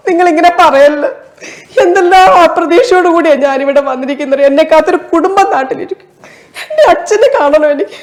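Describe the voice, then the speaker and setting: A woman's voice: fairly high pitch, warm tone, natural voice. A woman performing a one-person stage monologue as a desperate stranded traveler at an airport, pleading in a tearful, breaking voice.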